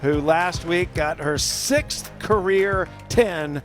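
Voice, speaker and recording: A man's voice: a little high, slow, a bit bright, soft background music. A man hosting a live TV sports broadcast with play-by-play style commentary.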